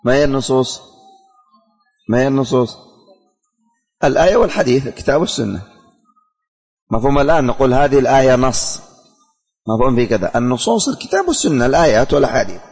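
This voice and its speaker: A man's voice: medium pitch, very animated, fast talker, long pauses, a little mellow, husky, soft background music. A male teacher leading a religious lesson, repeating questions and quizzing his students. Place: classroom. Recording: long hall reverb.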